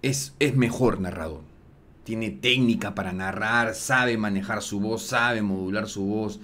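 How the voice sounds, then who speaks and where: A man's voice: lowish voice, unhurried, a bit bright. A man, hosting a sports talk show, explaining things in a loose, slangy way full of fillers. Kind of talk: casual analysis chat.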